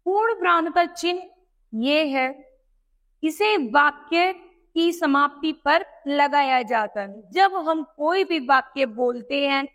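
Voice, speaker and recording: Slow, high-voiced woman teaching children. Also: lively intonation, fairly bright tone. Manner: slow, deliberate, repeats questions and answers to the class. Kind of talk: classroom lesson for children.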